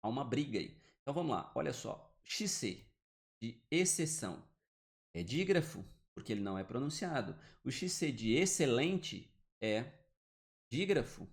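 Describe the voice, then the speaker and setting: Gravelly-voiced man teaching grammar. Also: mid-range voice, big pitch swings, normal speed. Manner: explanatory, checks in with "né?" and "beleza?". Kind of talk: online grammar lesson. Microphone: computer mic, drawing with the mouse.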